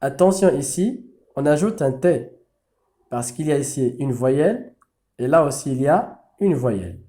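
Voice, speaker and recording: A man with Arabic as his first language, teaching a French grammar lesson slowly and deliberately. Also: mid-range voice, animated, mellow. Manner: slow, deliberate explaining with drawn-out examples.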